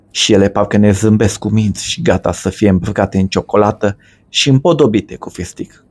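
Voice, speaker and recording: A man giving a measured, ornate, scripted voice-over for a cooking video. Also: lowish voice, darkish tone. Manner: measured, ornate storytelling delivery. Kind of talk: scripted poetic voice-over narration.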